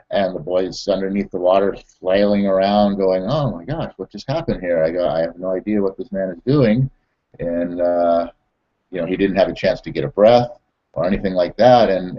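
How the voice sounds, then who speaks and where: A man who trains network marketers, telling stories and recapping a lesson in a halting way full of fillers and repeated words. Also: deep voice, dark tone, highs cut off. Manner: repetitive, halting, many fillers and restarts. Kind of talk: storytelling and motivational training recap.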